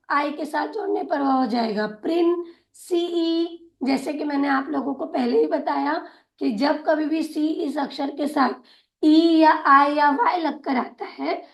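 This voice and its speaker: Woman, phonics teacher, unhurried delivery, says each word twice. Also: high-pitched, gravelly, reverberant. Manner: slow, patient, repeats each word twice. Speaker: English teacher. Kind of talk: phonics lesson, spelling out and sounding words.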